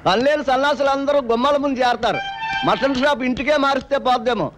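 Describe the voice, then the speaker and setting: An actor playing a proud, protective butcher brother in a film comedy, giving bossy, lecturing instructions. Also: male voice, extremely high pitch, fast, music in the background. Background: film score.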